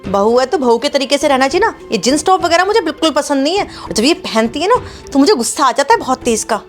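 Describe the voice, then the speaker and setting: A woman's voice: sits high, animated, quick pace, soft background music. A woman playing a strict, domineering mother-in-law in a family drama skit, scolding and bossy. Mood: smug.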